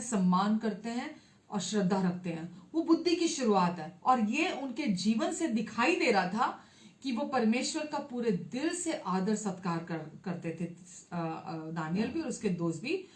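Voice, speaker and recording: A woman pastor giving a sermon, reading scripture aloud and then explaining it in her own words, with frequent pauses and amens. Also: a little high, animated, echoey room.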